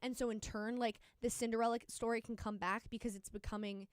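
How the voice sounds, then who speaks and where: A woman's voice: fairly high pitch, steady tone, clean tone, no echo, clean studio sound. A young woman co-hosting a sports radio show, talking casually with lots of fillers. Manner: chatty, fillers, quick opinions.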